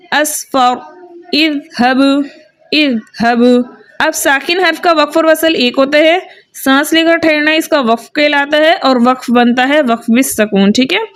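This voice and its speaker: Woman, tajweed teacher, patient and repetitive, high voice. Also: normal speed, fairly bright tone. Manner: patient, repeats each sound twice, checks with "theek hai". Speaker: Quran recitation teacher. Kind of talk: tajweed lesson with drilled letter sounds.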